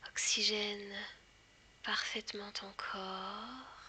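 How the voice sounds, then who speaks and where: A woman whispers very slowly, as if right in your ear, leading a guided hypnosis. Her hushed, breathy delivery is soothing and deliberate, with long pauses. The close sound has a bright edge and a faint layer of background noise. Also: medium pitch, little pitch movement.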